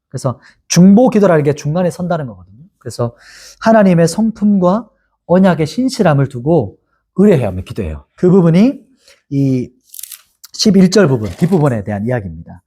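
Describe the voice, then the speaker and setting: A man's voice: on the high side, mellow, slightly rough. A male pastor giving a Bible lecture, asking his class questions and answering them himself. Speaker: pastor teaching a Bible course.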